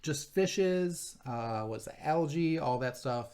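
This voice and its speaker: A man walks viewers through a board game as he plays, in a relaxed, conversational way. He explains each rule patiently and step by step, checking in with his co-player as he goes. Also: on the high side, slow. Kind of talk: casual board game playthrough commentary.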